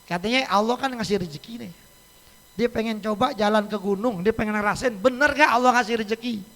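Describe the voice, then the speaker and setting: A man's voice: high voice, a little fast, a bit bright. A man giving a casual, joking sermon as an Islamic teacher in a mosque, often laughing as he talks. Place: mosque hall. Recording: echoey mosque hall.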